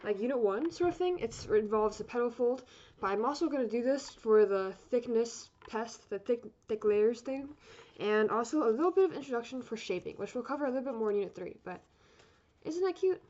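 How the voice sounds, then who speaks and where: High-voiced woman, chatty rambling craft tutorial. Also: fairly quick. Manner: chatty and rambling, apologetic, self-correcting. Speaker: origami course instructor. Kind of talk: casual step-by-step craft tutorial. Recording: dull lo-fi sound, steady noise.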